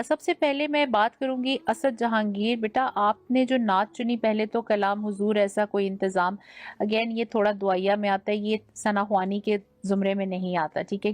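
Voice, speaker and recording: A woman's voice: mid-range voice, no room sound. A young woman with a Pakistani Urdu accent, judging a naat competition and giving teacherly feedback that mixes in English words. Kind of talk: judge's critique.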